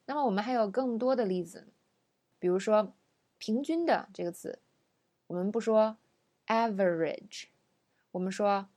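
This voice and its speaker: A young adult woman teaching English pronunciation in a recorded audio lesson, slowing down sharply to model each word. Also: medium pitch, dark tone. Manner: slows right down to model English words.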